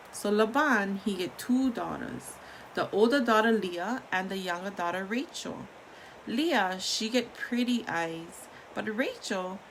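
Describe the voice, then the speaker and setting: A woman's voice: mid-range voice, rough recording. Casting: female storyteller with Hawaiian Pidgin accent, informal and conversational, taking her time, some noise behind the voice. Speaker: storyteller reading scripture aloud.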